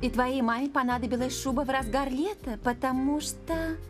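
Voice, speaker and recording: A high-voiced young cartoon girl, acted by a woman, curious and skeptical. She speaks in a questioning way over clearly audible music. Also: fairly even intonation, moderate pace, lightly acted. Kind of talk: cartoon dub acting. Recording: music behind the voice.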